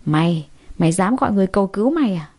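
A woman's voice: medium pitch, expressive, rapid-fire, dark tone. A woman reading the part of a drunk, violent brother-in-law who snarls spiteful threats in a storybook drama. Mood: enraged.

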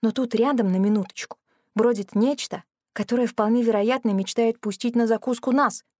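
A woman's voice: a little high, normal speed, a little mellow, dry recording. A woman narrating a comic fantasy audiobook in the first person, wry and sarcastic.

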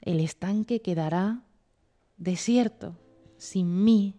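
A woman's voice: mid-range voice, takes it slowly, mellow, close to an everyday voice. A woman voicing a curious, talkative male duck who asks eager questions, reading a storybook. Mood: wistful.

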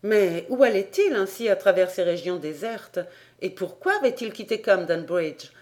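A woman narrating a classic novel as an audiobook reader, with clear, steady delivery. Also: medium pitch, normal speed.

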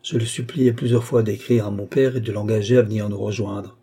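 A man voicing a grieving, remorseful young woman as she tells her story in an audiobook, in a measured, confessional way. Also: fairly low pitch, level tone, warm tone, slightly rough. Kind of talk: audiobook reading.

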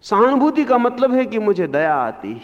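A man giving a spiritual discourse, speaking slowly and with emphasis, his voice rising sharply on key points, in a lo-fi archival recording. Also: high voice, sing-song. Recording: lo-fi archival recording in a long-reverb hall.

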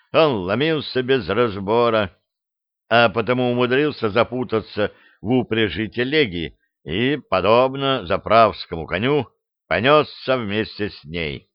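A man narrating a comic fantasy story as an audiobook reader, in steady, even storytelling. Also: lowish voice, no room sound. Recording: dull dry lo-fi recording.

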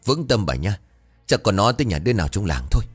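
A man voicing a stern, worried older landowner father who gives firm orders in a lowered voice. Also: big pitch swings, fast talker, breathy edge, soft background music. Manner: firm, commanding.

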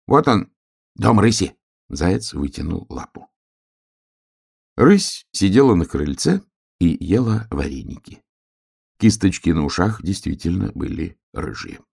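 A man reading a children's story aloud, expressive and acting out each animal. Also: low voice, a little slow, creaky, long pauses, slightly rough.

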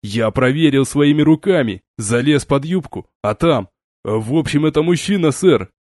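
Guy playing a pushy loudmouth colonel, barky and raised, dry sound. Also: on the high side, animated, moderate pace, no echo, lightly acted. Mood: insistent. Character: blustering male colonel, pushy and hotheaded. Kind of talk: audiobook character reading.

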